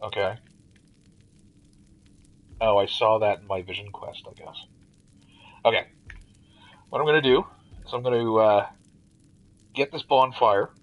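A man's voice: fairly low pitch, measured pace, pauses often, narrow, tinny audio. A man giving casual let's-play commentary as a gamer, joking and muttering asides with some swearing.

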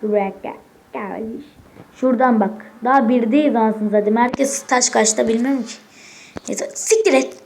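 A woman hosting a gaming channel, chatting casually to viewers from a room at home, excitable and swearing as she gets frustrated. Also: on the high side, moderate pace, vocal fry, slight background noise. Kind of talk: casual gameplay commentary.

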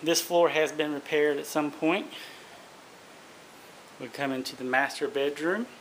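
A man with a slightly high voice speaks a little slowly, giving a casual walk-through commentary inside a small empty trailer. It was recorded on a handheld phone, and the audio is noisy with clicks.

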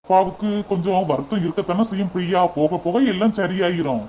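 A man's voice: sits high, fast talker, background noise, close to an everyday voice. A man voicing a doting young cartoon husband who is affectionate and teasing, with a Tirunelveli Tamil accent. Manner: affectionate, reassuring.

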